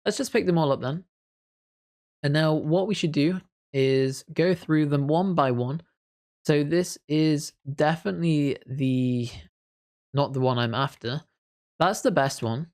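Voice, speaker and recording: A man's voice: on the high side, a little slow, darkish tone. Easygoing man narrating his gameplay. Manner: chatty, thinks aloud while playing; mild, understated reactions. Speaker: gaming video creator. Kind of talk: casual gameplay commentary.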